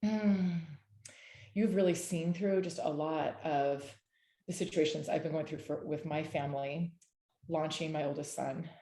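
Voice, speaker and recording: A woman in her forties with a lowish, mellow voice leads a casual discussion over a video call. She talks earnestly and rambles, with frequent restarts and soft affirmations. Her voice comes through an echoey room. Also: fairly even intonation, measured pace. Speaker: discussion leader.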